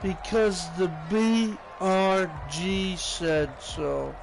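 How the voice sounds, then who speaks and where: A man's voice: high-pitched, drawn-out words, vocal fry, background noise. A man with an American accent livestreaming a game in casual, bro-heavy frat-boy slang, hyping himself up as the show's host. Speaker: game streamer, show host. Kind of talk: casual livestream chat while gaming. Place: indoors, air-conditioned room.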